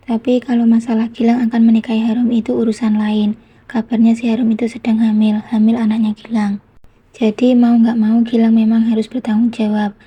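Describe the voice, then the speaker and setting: A woman reading the lines of a demanding man who pushes his brother's ex-wife around, in a flat, husky voice. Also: on the high side. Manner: demanding, reproachful. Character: man, older brother-in-law, demanding and pushy.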